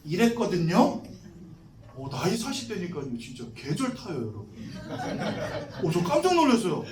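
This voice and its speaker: A man's voice: high-pitched, wildly swooping pitch, normal speed, reverberant, distant mic, crowd noise. A man in his forties, a pastor preaching to new members in a conversational way, asking the congregation questions and joking. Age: 40s. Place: church hall.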